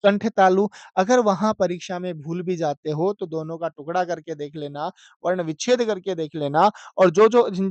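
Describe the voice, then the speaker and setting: High-voiced man teaching Sanskrit, dry sound. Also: a little mellow, no room sound, lo-fi sound. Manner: asks students frequent questions, slow chanted recitation of rules. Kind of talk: classroom lecture.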